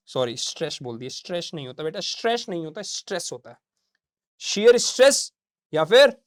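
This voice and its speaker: A young man teaching a physics lesson in a casual, chatty way, calling his students beta and bhaiya and mixing in anecdotes and little sung sound effects. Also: high-pitched. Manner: sings little sound effects between points. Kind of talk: casual classroom lecture.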